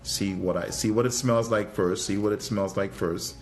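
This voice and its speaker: The Trinidadian livestream host, who reviews fragrances, talks at normal speed in a fairly low, steady voice. During this casual live product review he muses hesitantly, thinking aloud and repeating phrases a lot.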